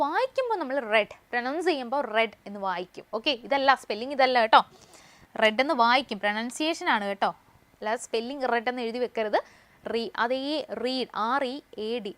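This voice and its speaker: A woman English teacher with a Malayali accent, explaining vocabulary and tenses in a live online class, reading English phrases slowly and with stress. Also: fairly high pitch.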